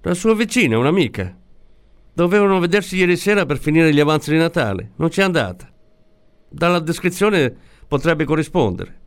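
A man voicing a male police officer who shouts his report urgently over the phone. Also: fairly high pitch, sing-song, a little fast, pitched above the performer's own voice. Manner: shouting over a bad line.

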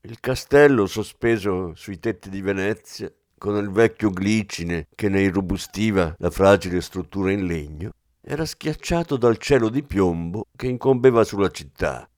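Low-voiced man narrating an audiobook. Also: a little mellow, no room sound, clean studio sound. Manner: measured, descriptive.

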